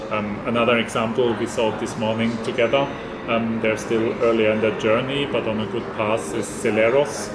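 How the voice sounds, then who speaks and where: A man giving formal interview answers as an institute director, measured and full of ums and restarts. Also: mid-range voice, roomy sound, noisy background. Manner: measured, flat delivery with frequent ums and restarts.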